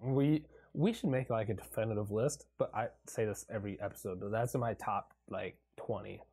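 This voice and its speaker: Excitable man chatting about a movie. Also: on the low side, fairly quick, slightly rough. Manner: excitable, swears, laughs often, quotes lines. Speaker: podcast co-host. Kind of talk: casual movie review chat.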